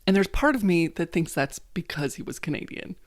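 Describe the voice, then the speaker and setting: A woman's voice: fairly low pitch, sing-song, brisk. A woman from the United States narrating a scripted video essay in a conversational, wry way, dropping in joking self-corrections.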